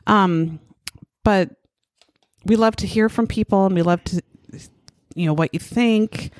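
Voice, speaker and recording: A woman's voice: medium pitch, a little slow, no room sound, studio quality. A woman co-hosting a podcast in casual chat, profane and giggly, telling stories with lots of laughter. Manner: profane, giggly, animated storytelling. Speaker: podcast co-host.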